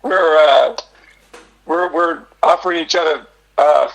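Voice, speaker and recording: A man's voice: fairly high pitch, measured pace, creaky, fairly bright tone. A man talking over a muffled phone line held up to a microphone, joking and laughing often. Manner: laughs often, jokey, self-mocking. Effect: muffled phone line held up to the studio mic. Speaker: phone-in guest on a radio show. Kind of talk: joking casual chat. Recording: distant phone audio through a microphone.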